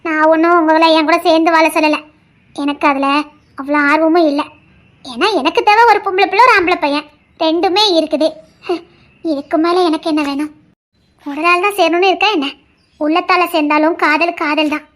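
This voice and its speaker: A woman's voice: very high voice, fairly even intonation, moderate pace, long pauses, fairly bright tone. A woman voicing a stubborn, loving young wife in an audio drama, talking earnestly and insistently. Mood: devoted, pleading.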